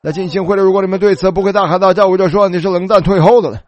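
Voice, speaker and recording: Man, preacher, sermon, high voice, animated storytelling, calls out hallelujah. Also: very fast.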